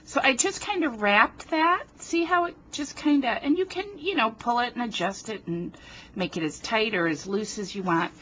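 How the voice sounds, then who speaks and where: Poor audio with a little hiss or hum captures a New Jersey woman's fairly bright, higher-pitched voice, lively in intonation and at normal speed. She runs a casual card-making demo at her home craft table, joking about herself and chatting as she works while sniffling from a runny nose. The camera sits on a tripod above the table.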